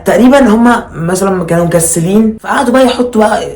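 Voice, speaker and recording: Egyptian male comic, observational monologue, extremely quick and exasperated, mid-range pitch, roomy echo. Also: a little mellow. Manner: mock-exasperated, rhetorical questions, repeats himself. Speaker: stand-up comedian. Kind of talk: conversational observational stand-up comedy monologue.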